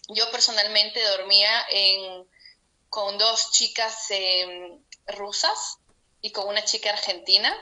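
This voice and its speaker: Speaking slowly with fairly even intonation, this young Peruvian interviewee recounts her life over a video call in a bright, forceful mid-range voice. Her accent is Peruvian Spanish. She's heartfelt with occasional laughs, though the audio is poor.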